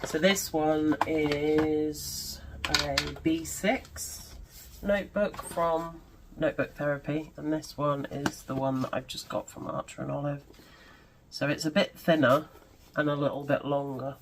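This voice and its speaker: A woman hosting a casual unboxing, talking with excited, breathy exclamations. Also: sits low, a little slow, background noise. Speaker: unboxing video host. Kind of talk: casual product unboxing commentary.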